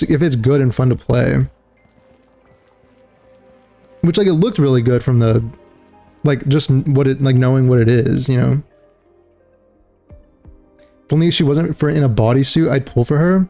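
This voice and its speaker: A man's voice: medium pitch, dark tone. A young man streaming a game and chatting casually, rambling with lots of fillers and calling people dude and bro. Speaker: livestreamer. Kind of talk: casual gaming chat.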